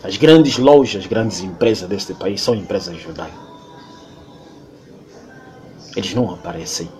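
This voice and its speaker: This Angolan man, with a deep voice and an Angolan Portuguese accent, is interviewed and launches into an impassioned, lecturing monologue that repeats itself a lot. He talks a little slowly in a slightly mellow tone, with faint music behind him.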